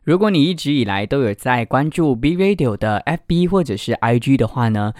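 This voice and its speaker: A man hosting a children's literature show and reading a picture book aloud in a lively, expressive way. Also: medium pitch, a little fast, no echo, studio quality. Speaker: podcast host and storyteller. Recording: music bed under voice. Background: background music.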